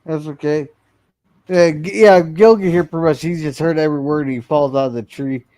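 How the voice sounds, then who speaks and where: A man's voice: fairly high pitch, fairly even intonation, a little fast, warm tone, no room sound. A man co-hosting a live-streamed classic TV review show, chatting casually with frequent restarts and fillers.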